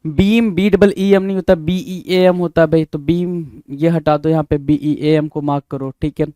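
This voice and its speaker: A male exam prep teacher, briskly going through a spelling quiz, spelling each word letter by letter and often saying bhai. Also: fairly high pitch, fairly even intonation, warm tone, no room sound. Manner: brisk, repeats and spells words letter by letter, calls listeners bhai.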